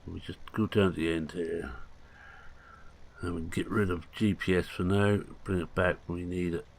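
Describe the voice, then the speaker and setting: A man's voice: deep voice, fairly even intonation, normal speed, vocal fry. A man, chatting casually through gameplay commentary with rambling, jokey asides. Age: 60s. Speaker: gaming channel host.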